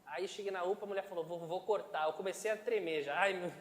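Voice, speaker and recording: A man with a fairly high voice delivers a conversational sermon, checking in with his congregation as he goes. He is recorded in a church hall, so the sound is roomy and echoey. A long reverb trails after his phrases. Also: fast talker, a little hiss or hum. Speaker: pastor.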